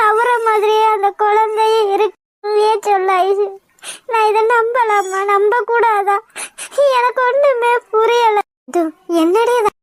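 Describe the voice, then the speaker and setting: A woman's voice: very high-pitched, dry recording. A woman voicing a heartbroken young woman who is crying.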